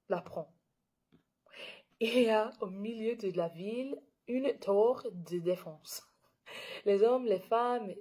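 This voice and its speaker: A young woman with an English-speaking learner's accent reads scripture aloud at an unhurried, deliberate pace. Her voice sits on the lower side. She is careful and halting, and now and then she stops to correct her own words. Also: mellow, husky. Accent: English-speaking learner of French. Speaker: Bible reader and video creator.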